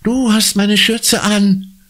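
A man voicing an anxious, superstitious schoolgirl in an audiobook, with shrill, dismayed outbursts. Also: sing-song, unhurried, a bit bright, exaggerated voice. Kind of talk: audiobook character voice.

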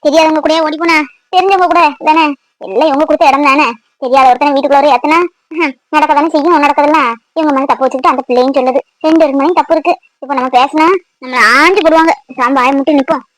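Casting: a woman as a gossiping female relative in a cartoon, very high-voiced and dry. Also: fairly even intonation, fast, no echo, lightly acted, poor audio. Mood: gossipy. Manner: gossipy, musing aside. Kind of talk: cartoon voice acting.

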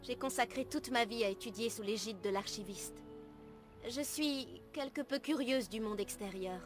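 A woman playing an earnest, gentle young elf apprentice in a video game, speaking formally and in measured, literary phrases. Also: fairly high pitch, close to an everyday voice. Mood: courteous. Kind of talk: video game dialogue acting. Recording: music behind the voice.

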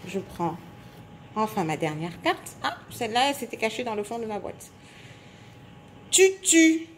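A woman teacher giving a phonics lesson to young children, speaking slowly and clearly articulating, stretching out sounds and syllables. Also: mid-range voice, lively intonation, slight background noise. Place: indoors at a table.

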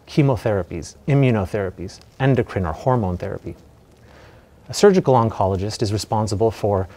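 Wearing a mask that slightly muffles his mellow, medium-pitched voice, an American man in his thirties presents a measured, explanatory medical lecture. He's a radiation oncologist speaking into a lapel mic in an indoor presentation room.

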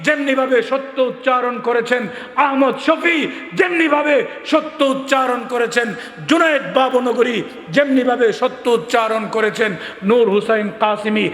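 A man with a Bangladeshi Bengali accent preaching a fiery sermon at a rally, shouting his repeated refrains with passion. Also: very high voice, steady tone, normal speed. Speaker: Islamic preacher. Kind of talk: fiery open-air sermon. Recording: echoey amplified hall with long reverb.

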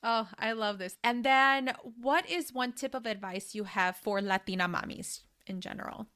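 A woman hosting a parenting podcast, asking questions and affirming her guest often with warm agreement. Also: on the high side, normal speed, clean tone. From United States, Mexican parents. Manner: affirming, frequent "mm-hmm" and "yes". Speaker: podcast host. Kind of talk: interview hosting.

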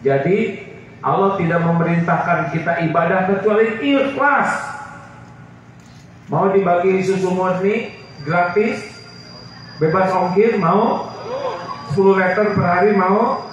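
A middle-aged man preaches slowly on an outdoor stage, fairly high-voiced and full of teasing questions for his listeners. His microphone voice comes through a PA system, so it sounds distant, echoey and dull. A faint hiss of noise sits underneath. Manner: lively, jokey, asks the crowd questions. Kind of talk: outdoor sermon. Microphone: handheld mic, far camera.

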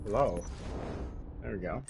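A man's voice: fairly low pitch, measured pace. A man giving casual, rambling gameplay commentary, often muttering to himself. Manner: rambling, muttering to himself, acting out little exchanges. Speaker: gamer playing and commenting. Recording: dull lo-fi mic, clear background noise.

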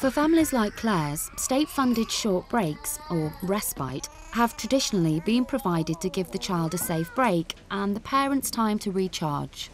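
A woman giving measured scripted documentary narration. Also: mid-range voice. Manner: measured, even delivery. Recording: voice-over with music bed.

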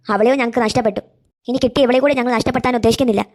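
A woman voicing a caring, firm middle-aged aunt in a cartoon, coaxing and steady. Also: a little high, racing, natural voice.

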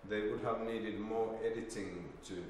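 With a fairly low pitch and fairly even intonation, a middle-aged man delivers an informal slide presentation in a halting, unsure manner. He's in an indoor seminar room with a projector screen, recorded from a distance by a camera mic, giving roomy, echoing sound and faint noise.

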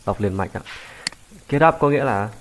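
Pitched fairly low, this man, whose first language is Vietnamese, teaches English grammar to beginners. He says every English phrase slowly and patiently more than once, with slight noise in the background.

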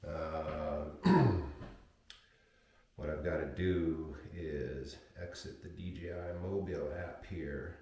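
A very low-pitched man speaks through a thick, booming echo that rings around his home darkroom. He rambles and apologizes with lots of ums and uhs, picked up on the camera's built-in mic instead of a wireless mic. It sounds like a casual livestream. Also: slow, warm tone, slight background noise. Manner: rambling and apologetic, many fillers. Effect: heavy booming room echo. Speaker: photographic printmaker livestreaming. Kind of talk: casual live stream chat. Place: home darkroom workspace with sink. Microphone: camera's built-in mic, wireless mic failed.

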